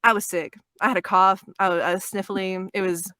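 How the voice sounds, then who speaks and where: A young adult woman, a voice actress guest in a casual podcast interview, chatty and quick to laugh, often restarting her sentences. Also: mid-range voice, steady tone, sharp tone, clean tone, no echo, clean studio sound.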